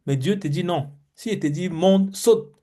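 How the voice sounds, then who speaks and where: Male pastor, mellow warm tone, higher-pitched voice, lively teaching, stammers on words. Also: a little fast. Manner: animated teacher, acts out examples, stammers on words. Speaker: pastor teaching Biblical Hebrew. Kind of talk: classroom lesson.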